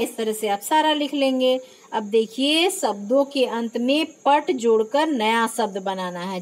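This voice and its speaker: A woman's voice: high-pitched, rough recording. A woman teacher walking young children through a textbook lesson, patiently posing questions and answering them herself, often checking in with them. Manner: frequent "isn't it" check-ins. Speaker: primary school teacher.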